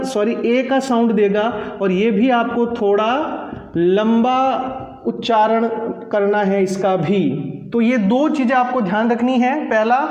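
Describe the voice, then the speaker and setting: A man teaching English pronunciation in a slow, patient classroom style, repeating each word several times. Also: very high voice, reverberant, in a large hall, muffled recording.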